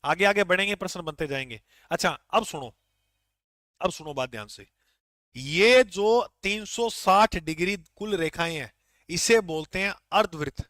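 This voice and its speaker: A man's voice: sits high, moderate pace, pushed and bright, dry recording, studio quality. A man teaching an online geography class, repeating key points and quizzing his students.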